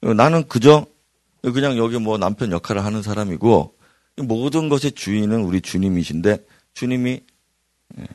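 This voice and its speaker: A male pastor delivering an evening prayer-meeting sermon, swinging between loud emphatic bursts and hushed near-whispers. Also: on the low side, lively intonation, moderate pace, no echo, studio quality. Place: church hall.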